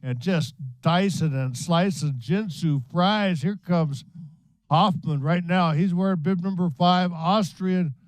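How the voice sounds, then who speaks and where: A man's voice: sits high, slow, dry recording, rough recording. A man giving playful color commentary on a ski race, joking with his co-announcer. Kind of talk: live sports commentary.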